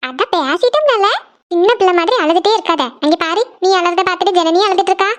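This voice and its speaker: An actor voicing a loving middle-aged mother in an animated family cartoon, speaking with a soothing, tender manner. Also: very high-pitched, fast. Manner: tender, soothing, calls them "makkale".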